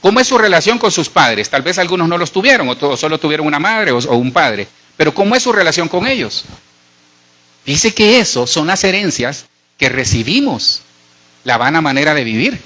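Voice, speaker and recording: A man's voice: on the high side, big pitch swings, normal speed, bright, forceful tone. A middle-aged man with a Colombian accent, preaching a sermon as pastor and speaking straight to his congregation in a conversational way. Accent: Colombian Spanish. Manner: conversational preaching, addresses listeners directly.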